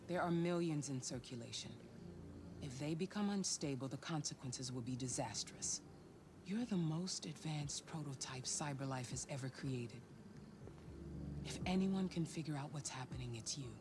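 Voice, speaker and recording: An actress playing a cool, authoritative handler of an android detective, speaking deliberately over game music. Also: female voice, sits low, noisy background, close to an everyday voice. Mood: commanding. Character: cool commanding artificial handler woman. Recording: game audio with music behind.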